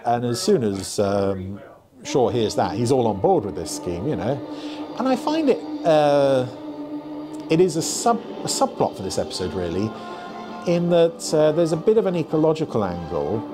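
A man in his thirties hosts a casual commentary in a wry, musing way. His medium voice moves about expressively, with soundtrack music clearly behind him. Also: mid-range voice, big pitch swings, moderate pace. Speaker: podcast host. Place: small furnished room, indoors. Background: episode soundtrack music.

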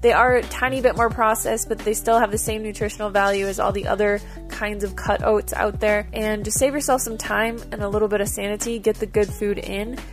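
A vlogger gives a chatty, upbeat voice-over for a cooking vlog, casually explaining each step while music plays behind her. Her mid-range voice is level in tone, brisk, with few pauses.

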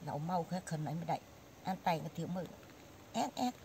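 A woman's voice: lowish voice, expressive, fast, warm tone. An elderly woman with a Cao Bang accent and an old woman's voice, chatting and telling stories casually as she is interviewed outdoors. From Cao Bang, northern Vietnam. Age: elderly, 70s or older. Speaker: villager being interviewed. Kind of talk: animated casual storytelling in conversation. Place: outdoors on a village dirt road, squatting by a rock. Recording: faint outdoor ambient noise.

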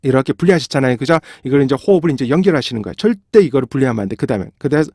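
A man teaching English pronunciation in a video lesson, breaking words into syllables and slowly repeating each sound, often checking in with his viewers. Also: medium pitch, expressive, dark tone, no echo, clean studio sound.

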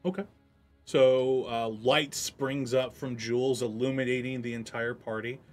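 A man narrates a tabletop game as its game master. He speaks in a relaxed, unhurried way, filling pauses with ums. His voice sits at an everyday middle pitch over faint background music.

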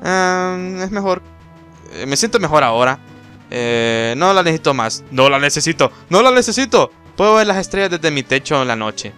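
A man's voice: a little high, animated, normal speed, bright, forceful tone, faint music behind. A man voicing a grumpy, whiny giant caterpillar, reading the game's dialogue aloud dramatically. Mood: calm. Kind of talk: reading game text aloud.

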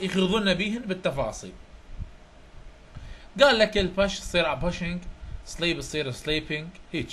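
A man's voice: high voice, bright, forceful tone, slight background noise. A man with an Iraqi Arabic accent, working through a grammar chapter review and checking that his students follow. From Iraq. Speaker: English grammar tutor.

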